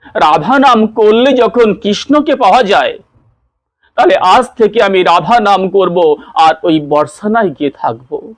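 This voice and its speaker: A devout old holy man pours out his yearning in a high, slow voice, as a male preacher puts him on. He speaks earnestly, pleading as he renounces his old name in a dry, close-sounding recording. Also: expressive, no echo. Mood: earnest devotion.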